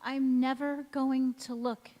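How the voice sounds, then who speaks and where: In a stage radio play, a woman with a high, warm voice and little pitch movement speaks slowly as an anguished, devoted young wife cursed never to age. Her earnest, melodramatic delivery sounds desperate and resolute, echoing in a large church or hall with music behind.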